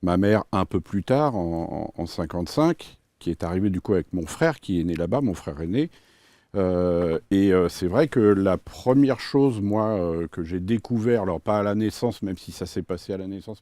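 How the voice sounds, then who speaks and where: A man in his sixties, born in France to Italian parents, talks calmly as an interview guest, with frequent hesitations. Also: low voice, normal speed, no room sound. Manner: relaxed, hesitant with many fillers. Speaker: company co-founder, guest. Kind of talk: casual interview talk.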